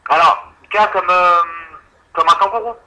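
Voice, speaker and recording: An insurance call-centre agent, a man, patiently and politely explains things on a customer service call over a tinny telephone line. His voice sits high, with a sharp tone and an unhurried pace.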